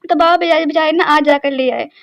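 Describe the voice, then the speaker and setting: A woman's voice: sits high, steady tone, quick pace, gravelly, dull audio. A young woman, narrating her day in a chatty, rambling vlog full of little fillers. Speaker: vlogger. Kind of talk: casual daily-life vlog narration.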